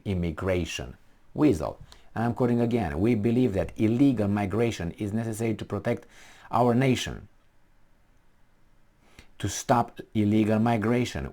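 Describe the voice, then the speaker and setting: Man, very low deep voice, blunt and defiant, casual commentary. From Romania. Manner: blunt, defiant, animated, with frequent restarts and fillers. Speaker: political commentary vlogger.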